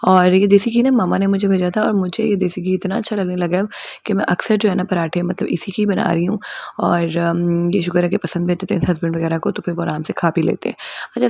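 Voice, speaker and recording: Hoarse, gravelly-voiced woman vlogger. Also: on the low side, a little mellow, dry recording. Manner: chatty, rambling, frequent fillers and self-corrections. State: hoarse from a sore throat. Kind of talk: home vlog voice-over. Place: home voice-over, close dry mic.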